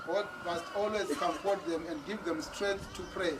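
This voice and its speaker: A man's voice: high voice, normal speed. A man interpreting a church testimony line by line, sometimes hesitating and repeating words. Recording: distant mic with noise.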